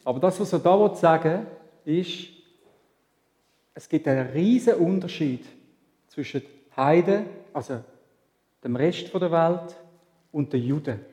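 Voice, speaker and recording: A man's voice: a little high, measured pace, long pauses, warm tone. A man with a Swiss German accent preaching a sermon in a conversational way, asking rhetorical questions. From Switzerland. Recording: echoey hall with long reverb.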